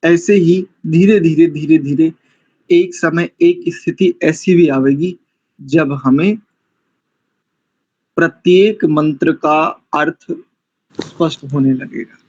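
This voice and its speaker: A man teaching a mantra recitation class, chanting and breaking words down syllable by syllable with deliberate care. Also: on the high side, steady tone, darkish tone, muffled recording. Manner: slow, deliberate, syllable-by-syllable drilling.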